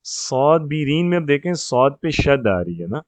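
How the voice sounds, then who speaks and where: A man teaching grammar one-on-one, explaining rules step by step, slowing down on example words, and often checking that the student follows. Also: on the high side, sing-song, no room sound. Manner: slows down to spell out example words. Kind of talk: patient one-on-one grammar tutoring.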